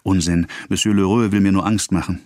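A man's voice: deep voice, fairly even intonation, a little fast, darkish tone, no room sound, clean studio sound, natural voice. A man reading the part of a desperate young woman who pleads with a creditor, in a raised, agitated voice. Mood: dismissive.

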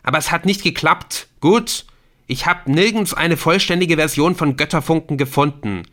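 A man's voice: a little high, animated, moderate pace, sharp tone, pitched above the performer's own voice. A man voicing a panicky, scheming middle-aged businessman who shrieks when cornered. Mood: defiant.

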